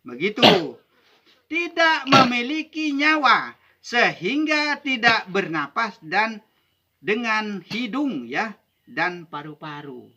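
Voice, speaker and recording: A man's voice: high voice, very animated, takes it slowly, bright, forceful tone, lo-fi sound. A man from Indonesia teaching Sufi mysticism in a rhythmic, emphatic way, often ending points with "begitu". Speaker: religious teacher.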